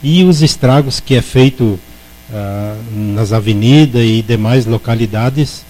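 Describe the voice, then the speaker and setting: A Brazilian-accented man speaks in a municipal council chamber, slow and deliberate. His voice is mellow and dark, and he stalls on repeated words before pushing on in a formal register. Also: medium pitch, faint music behind, poor audio. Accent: Brazilian Portuguese. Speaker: city councillor. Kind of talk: formal speech in a council session.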